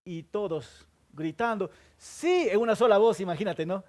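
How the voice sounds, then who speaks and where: This pastor speaks at a moderate pace as he preaches, putting questions to his listeners and supplying the answers himself. He moves back and forth between loud, emphatic lines and low, quiet remarks.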